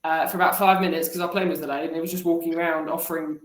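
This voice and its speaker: A man's voice: a little high, flat delivery, very fast, a bit bright, reverberant. A man telling stories as a regular podcast contributor in casual chat, rambling with restarts.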